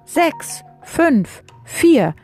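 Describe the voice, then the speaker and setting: A woman's voice: medium pitch, big pitch swings, fairly quick, darkish tone, soft background music, pitched above the performer's own voice. A woman voicing a cheeky, daring male chocolate Santa who taunts his enemy, read from a storybook. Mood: taunting. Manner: taunting, calling out boldly.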